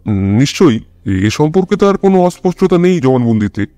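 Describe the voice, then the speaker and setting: A man's voice: on the high side, big pitch swings, fairly quick, mellow, no room sound, voice pushed up. A man voicing an eager male police inspector who answers in hesitant, deferential replies.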